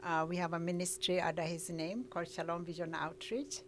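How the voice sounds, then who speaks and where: A woman's voice: on the low side, steady tone, brisk, slight background noise. A middle-aged woman with a Kenyan accent, telling her life story as an interview guest in an earnest way. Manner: earnest storytelling, with frequent uhs.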